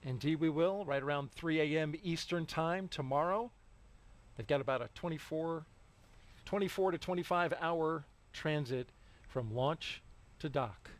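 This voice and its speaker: A man with a slightly high voice anchors live launch coverage. He gives updates and commentary in broadcast style. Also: unhurried.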